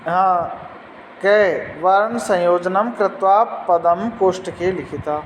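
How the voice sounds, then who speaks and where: A man's voice: sits high, slow pace, in a large hall, a little hiss or hum, poor audio. A man teaching a Sanskrit lesson, patiently explaining words and asking pupils questions.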